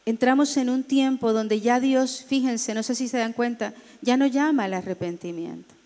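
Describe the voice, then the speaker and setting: A woman pastor teaches a Bible class, her fairly high voice measured and emphatic. She slows down to spell out names and stresses key points. A long reverb trails behind her, as in a large hall. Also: a little mellow.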